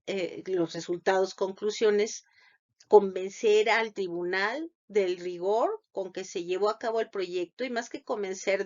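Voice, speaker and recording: A woman who has sat on thesis juries gives an unscripted lecture, halting often with fillers and restarts. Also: medium pitch. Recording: dull lo-fi sound.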